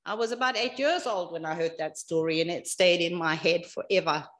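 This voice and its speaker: A woman telling a story to children in a church service, expressive, swinging from soft to loud. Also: lowish voice, brisk.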